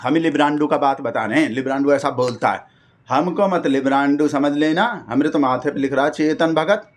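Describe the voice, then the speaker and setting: A man's voice: fairly high pitch, moderate pace. A man runs through a satirical monologue. He rambles in a folksy, mock-earnest way, playing a devoted supporter.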